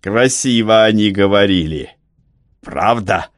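A man voicing a smug, sneering Roman commander who talks slowly and mockingly in an audiobook. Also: lowish voice, no room sound, clean studio sound. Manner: sneering, drawn-out slow delivery.

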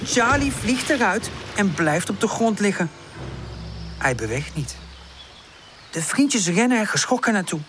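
Slow, expressive woman storyteller. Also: mid-range voice, noisy background. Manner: gentle, expressive. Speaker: audiobook narrator. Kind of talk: scripted children's storybook narration.

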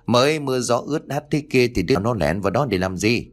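A man voicing a gruff, bossy middle-aged father in an audio story, brusque and commanding. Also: mid-range voice, animated, quick pace, close to an everyday voice.

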